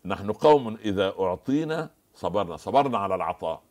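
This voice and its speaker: A man's voice: lowish voice, lively intonation, fast, darkish tone. A man as the scholar guest on a TV religious discussion, preaching and quoting scripture and stories.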